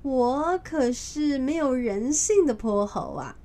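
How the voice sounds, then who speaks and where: A cocky, quick-tempered monkey king, as a woman narrator puts him on, scoffing and blustering at everyone around him. His voice stays fairly high and lively, full of bravado. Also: full character voice. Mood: grumbling. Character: proud, hot-tempered male monkey king.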